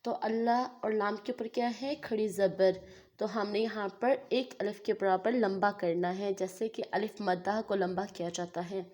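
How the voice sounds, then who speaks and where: A woman teaches Quran recitation step by step. She chants phrases slowly and stretches them out, then explains each rule by asking and answering her own questions. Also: medium pitch, fairly even intonation, a little mellow. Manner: slow, drawn-out recitation between patient explanations. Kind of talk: step-by-step tajweed lesson.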